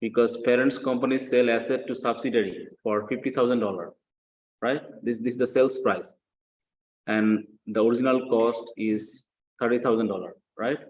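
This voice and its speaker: A man with a mid-range, steady voice teaches accounting at normal speed, explaining a worked example in a classroom lecture. He is didactic, going over key points again and asking short questions to check understanding, in a low-quality recording.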